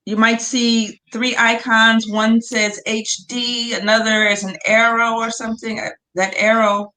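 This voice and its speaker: On a video call, a woman hosts an informal online webinar, patiently and encouragingly walking a guest through screen sharing, though she sounds somewhat hesitant. Her voice sits on the high side and is bright and forceful, yet her delivery is flat and a little slow. The audio quality is poor.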